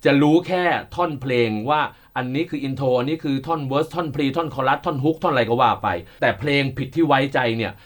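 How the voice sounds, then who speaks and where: A man's voice: a little high, fairly quick, hardly any pauses. A man and drummer talking casually to viewers about how he recorded a song, loose and chatty, swearing freely and sounding out drum patterns with his mouth.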